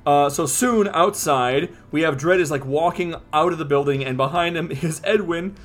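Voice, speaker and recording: A man's voice: a little high, moderate pace. A man co-hosting a podcast, casually recapping and narrating a comic. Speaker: podcast co-host.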